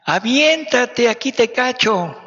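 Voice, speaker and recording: A man putting on the high, drawn-out voice of Jesus calling from below. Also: bright, forceful tone. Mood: coaxing. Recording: dull recording in a reverberant hall.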